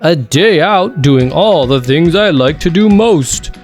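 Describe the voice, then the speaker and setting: A man voicing a kind, cheerful father bear in a picture-book reading, gentle and fatherly. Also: fairly high pitch, animated, slow, soft background music, voice pushed up. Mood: fond.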